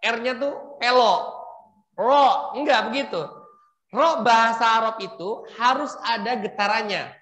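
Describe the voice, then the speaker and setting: A man teaching Quran recitation rules to a class of women, patiently prompting them and demonstrating slow, drawn-out recitation. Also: very high voice, sharp tone. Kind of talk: tajwid lesson for women. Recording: echoey room.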